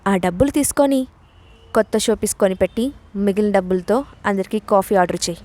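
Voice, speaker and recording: A woman's voice: mid-range voice, a little fast, warm tone, close to an everyday voice. A woman reading the part of a bold young woman boss in an audio story, with a mocking, commanding way of talking. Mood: taunting.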